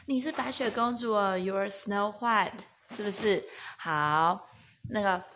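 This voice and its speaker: A woman's voice: medium pitch, slow, a bit bright, slight background noise. A young woman with a Taiwanese Mandarin accent, a mother patiently teaching her toddler French words at home, playful and encouraging. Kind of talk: home-recorded French lesson with a child.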